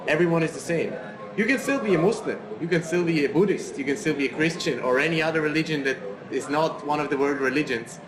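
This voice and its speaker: A man speaking as a guest in a casual conversation, earnest and philosophical with slightly broken grammar. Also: fairly high pitch. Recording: roomy and noisy.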